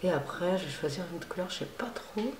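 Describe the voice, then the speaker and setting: A woman's voice: lowish voice, lively intonation, quick pace. A woman beauty vlogger chatting casually and gushingly through a makeup tutorial, full of slang. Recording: roomy echo.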